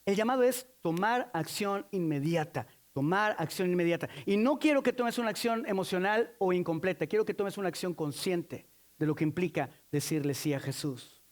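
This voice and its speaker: Mexican male pastor, high voice, emphatic call-and-response sermon, playful teasing. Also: animated, normal speed. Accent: Mexican Spanish. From Mexico City.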